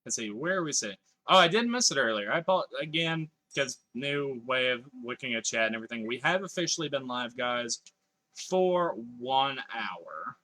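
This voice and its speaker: Guy live streaming a game, talking to chat, bright voice that bounces up and down a lot. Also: mid-range voice, lively intonation, a little fast, few pauses. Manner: chatty, reads chat messages aloud, swears now and then. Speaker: gaming livestreamer. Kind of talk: casual live-stream chat while playing.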